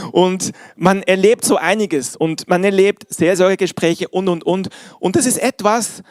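High-voiced German preacher. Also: male voice, unhurried, no echo, clean studio sound. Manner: earnest, addresses the congregation directly. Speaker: pastor. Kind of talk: sermon.

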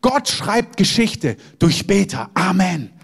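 A man's voice: high voice, sing-song, slow, slightly rough. Emphatic German-speaking male pastor preaching. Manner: emphatic preaching with frequent amens. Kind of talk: sermon.

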